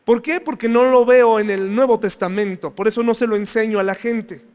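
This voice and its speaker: Male pastor with a high voice and a conversational sermon manner, recorded in a reverberant church. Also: brisk, darkish tone. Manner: conversational, asks the congregation questions.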